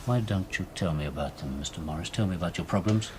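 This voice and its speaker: A middle-aged actor playing a patient, probing police detective who questions a suspect in a 1970s television police drama. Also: male voice, deep voice, fast, background noise, lightly acted. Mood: coaxing. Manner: calm, probing, coaxing then pressing.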